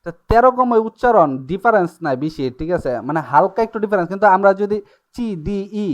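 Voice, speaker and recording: Man teaching a class in a slightly high voice. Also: expressive. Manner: explains slowly with many checks like "ঠিক আছে?" and "নাকি?". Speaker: Italian language teacher. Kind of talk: live online class taught in Bengali.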